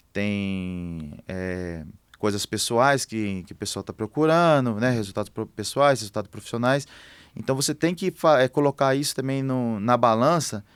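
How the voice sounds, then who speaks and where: A man's voice: mid-range voice, clear, resonant tone, no echo. A man, a construction manager talking casually in a podcast interview, thinking aloud with many fillers and restarts.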